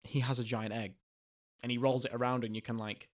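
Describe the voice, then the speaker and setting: A man's voice: medium pitch, level tone, a little fast. A young man hosting a podcast, chatting casually, laughing often and rambling through asides. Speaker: podcast host.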